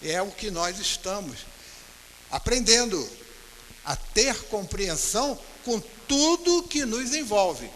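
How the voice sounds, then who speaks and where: A man with a Brazilian accent giving a religious talk at a spiritist center, retelling anecdotes and slowing down to stress each teaching. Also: high-pitched, very animated, fairly bright tone. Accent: Brazilian Portuguese. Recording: hall reverb with faint hiss.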